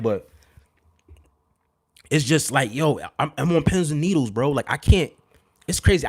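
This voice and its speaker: Animated streetwise man in a dry room. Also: no echo. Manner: animated and streetwise, with constant "you know what I'm saying" asides; drops to a hushed, low voice when retelling tense moments. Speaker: livestream host. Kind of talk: casual storytelling to a live chat.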